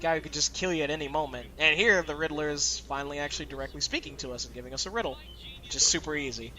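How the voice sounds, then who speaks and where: A man's voice: on the high side, rapid-fire, bright, forceful tone. A man hosting a let's play, giving loose, chatty commentary full of "like" fillers. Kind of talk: casual gameplay commentary.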